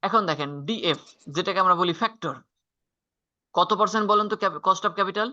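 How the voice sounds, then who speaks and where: A man's voice: high-pitched, brisk, sharp tone. A man tutoring a student through a finance problem, step by step, quizzing him with questions. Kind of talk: step-by-step accounting lesson. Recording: dull lo-fi recording.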